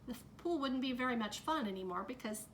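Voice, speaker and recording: A middle-aged woman teacher reading a picture book aloud to children, adding gentle comments as she goes. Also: a little high, expressive, slight background noise. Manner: slow, gentle storytime delivery with added comments to kids.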